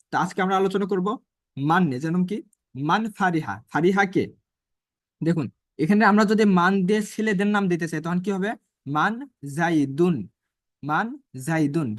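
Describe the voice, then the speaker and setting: Male Arabic teacher, high voice, dry close sound, repeats points and reads phrases slowly. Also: no echo. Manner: repeats phrases and asks rhetorical questions. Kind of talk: online Arabic grammar class.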